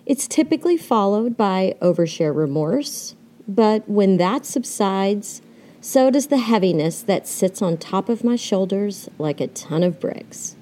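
A woman's voice: medium pitch, lively intonation, measured pace, dark tone. A woman hosting her podcast in a candid, chatty way, swearing casually and laughing often. She speaks from under a blanket on her bed, so her voice sounds muffled. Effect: muffled, recorded from under a blanket. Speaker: podcast host. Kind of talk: casual solo podcast monologue.

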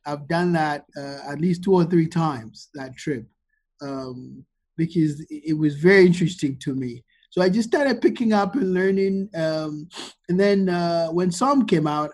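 A man, the guest on a podcast interview, telling his story at length with frequent ums and uhs. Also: fairly high pitch. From Ghana. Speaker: guest, wine expert.

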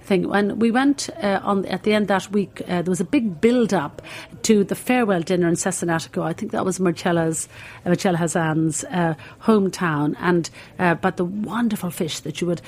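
A woman's voice: fairly low pitch, normal speed, darkish tone. An older woman with an Irish accent, a cookery school founder and guest, telling long stories in a rambling way with many fillers. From Ireland. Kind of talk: interview, telling a story.

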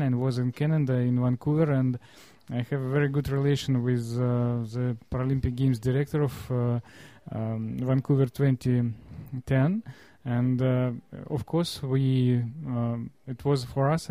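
A man from Russia with a Russian accent, explaining in an interview in halting non-fluent English, often searching for words. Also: medium pitch, dark tone, no room sound.

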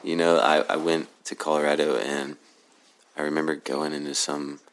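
A man from Oklahoma with a very deep, low magnetic voice, answering interview questions casually in a hesitant, laid-back, halting way. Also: little pitch movement. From Oklahoma City, USA. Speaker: podcast guest, cannabis grower.

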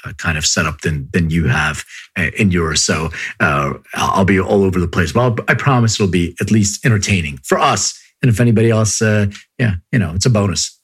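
A man's voice: low-pitched, fairly quick, slightly rough. A man from Philadelphia hosting a casual interview, rambling with many restarts and frequent laughs. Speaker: podcast host.

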